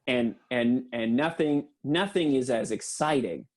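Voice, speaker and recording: A man doing an earnest, deadpan mock lecture for a comedy podcast, with lots of hesitant fillers. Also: medium pitch, a little slow.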